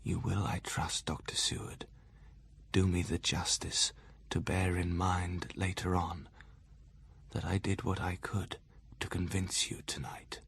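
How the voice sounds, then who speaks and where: Guy playing a desperate asylum inmate, begging and intense, husky, radio drama. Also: sits low, level tone, a little slow, fairly bright tone, in a whisper, exaggerated voice. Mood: quiet, grave. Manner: imploring, intense. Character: frantic male asylum patient, desperate and pleading. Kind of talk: audio drama acting.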